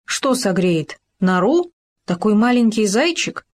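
A woman's voice: mid-range voice, very animated, unhurried, darkish tone. A woman voicing a big, fat male hare in a children's story, asking puzzled questions.

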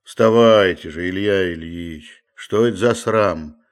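A man's voice: sits low, animated, slow pace. A man voicing a stubborn old male manservant who coaxes and scolds with a drawling, muttering manner. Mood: coaxing, scolding.

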